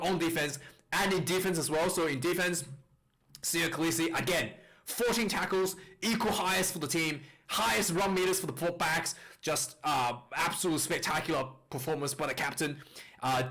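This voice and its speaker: The voice is a man's, fairly high and a little bright. He's rambling through a laid-back rugby match review for video, full of fillers and restarts, and his mic distorts and clips.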